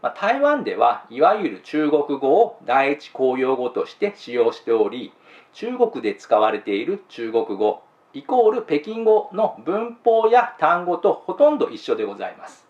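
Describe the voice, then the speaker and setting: A man hosting a channel, narrating a scripted explainer in a polite, measured way and moving on to each new point with a brisk "okay, next.". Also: on the high side, big pitch swings. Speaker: channel host explaining cultural differences. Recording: roomy, dull lo-fi recording.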